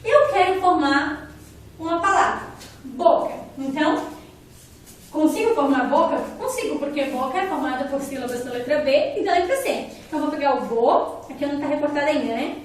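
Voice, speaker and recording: A Brazilian woman teacher with a high, bright voice explains a class activity patiently and keeps asking her young pupils if they follow. The sound is heavily echoey, as if the microphone sat far across a bare room. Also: animated, moderate pace, slight background noise. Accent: Brazilian Portuguese. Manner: patient, explanatory, often checks in with "né?" and "tá bom?". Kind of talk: remote lesson for children and parents.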